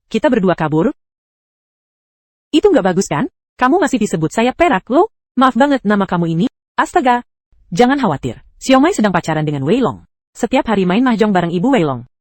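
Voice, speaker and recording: A computer-generated woman's voice reads an anime story recap at a quick clip, with a pitch that jumps around a lot. She voices every character herself without changing her sound, and the recording is close and dry. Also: no room sound. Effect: synthetic text-to-speech voice. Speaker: narrator.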